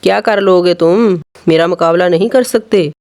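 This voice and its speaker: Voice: mid-range voice, normal speed, darkish tone, natural voice. A narrator doing a gloating villain heron. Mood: defiant. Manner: boastful, gloating, cackling. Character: arrogant greedy male heron, cruel villain. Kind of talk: children's storybook narration.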